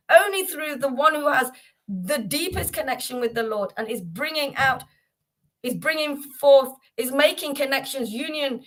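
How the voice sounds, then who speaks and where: A woman with a high, fairly bright voice runs a devotional livestream gathering. Addressing viewers by name, she speaks informally, circles back over the same points, and often restarts or fills pauses.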